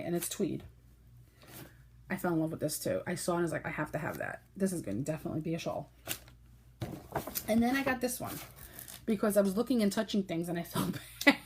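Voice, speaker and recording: A woman's voice: lowish voice, a little mellow. Giggly chatty woman, faint background hiss. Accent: New York. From Brooklyn. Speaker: knitting podcast host. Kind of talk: casual yarn haul chat.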